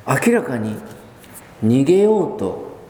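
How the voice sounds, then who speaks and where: A man preaching a sermon as pastor, telling the story with lively emphasis, drawing out key words and acting out quoted lines. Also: mid-range voice, takes it slowly, slight background noise. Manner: animated storytelling, acts out quoted speech. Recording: echoey hall with long reverb.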